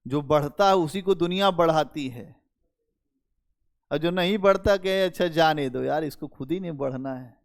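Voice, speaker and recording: A male history teacher giving a lively, conversational classroom lecture and talking straight to his students. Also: a little high, normal speed, vocal fry. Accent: Hindi-speaking North Indian. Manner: animated, conversational, addresses students directly.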